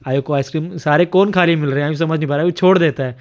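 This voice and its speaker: A man's voice: on the high side, very fast, lo-fi sound. A man narrating a home video in casual voice-over, chuckling often as he comments. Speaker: vlogger narrating a family video.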